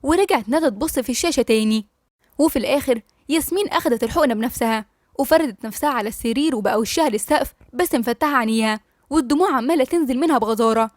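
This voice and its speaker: Brief: egyptian woman narrator, high voice, very fast, dry close mic. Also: no echo. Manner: brisk, friendly. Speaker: storyteller. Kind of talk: reading a novel aloud.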